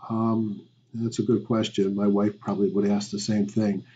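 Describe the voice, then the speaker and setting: A man's voice: lowish voice, level tone, moderate pace, mellow, highs cut off, slight background noise. A man, a stock market educator, hosting a weekly market review, talking conversationally and rambling with fillers.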